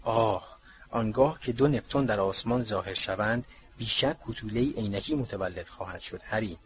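A man's voice: on the low side, lightly acted. A sulky, sarcastic teenage boy read by a man, grumbling in a plain, dull-sounding audiobook voice. He stays close to the reader's own tone. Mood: mocking.

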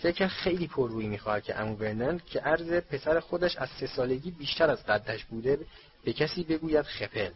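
A man narrating a children's storybook in a steady, measured reading voice. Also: mid-range voice. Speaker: audiobook narrator. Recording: slightly dull with faint hiss.

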